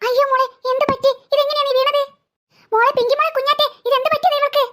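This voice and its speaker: Fussing cartoon mom. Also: female voice, very high voice, little pitch movement, fast talker, fairly bright tone. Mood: worried. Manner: fussing, scolding. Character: fretful mother fussing over her fallen daughter.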